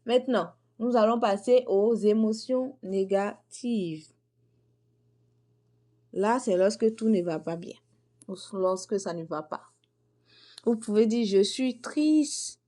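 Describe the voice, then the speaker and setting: Slow, mellow-voiced woman teaching French. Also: medium pitch. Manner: slow, deliberate, repeats each phrase for learners. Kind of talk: beginner language lesson.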